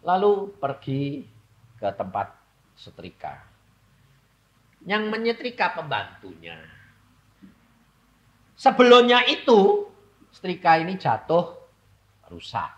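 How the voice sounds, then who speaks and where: A man preaching a sermon, swinging between loud exclamations and hushed asides. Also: high-pitched, huge pitch swings, takes it slowly, long pauses, rough recording. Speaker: pastor.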